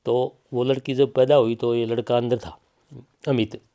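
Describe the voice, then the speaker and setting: A middle-aged man with a Haryanvi accent, a father who has lost his child, gives testimony in an interview, pressing his point with repetition and quoting what others said. His voice is mid-range and mellow, with little pitch movement, at a normal speed.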